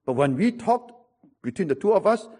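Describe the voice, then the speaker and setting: This middle-aged Singaporean-accented preacher speaks in a sing-song way at a moderate pace, his tone dark even as wry humor runs through his storytelling sermon. His pitch is a touch high for a man, and the texture is husky and a bit rough. Forceful repetition drives each point.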